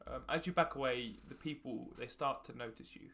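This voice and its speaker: A man's voice: mid-range voice, brisk, creaky, a bit bright, husky. A young man narrating as game master in a tabletop game, hesitant with many fillers and restarts. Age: young adult.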